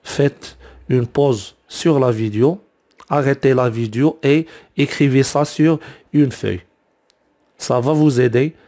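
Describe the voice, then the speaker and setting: A man teaching a French grammar lesson, explaining slowly and repeating each form many times, with frequent fillers like "donc" and "alors". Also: mid-range voice, warm tone.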